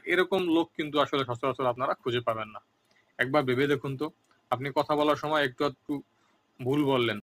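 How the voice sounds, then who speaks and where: Guy teaching a language lesson, bright clear tone, slow and repeats every word twice. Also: medium pitch.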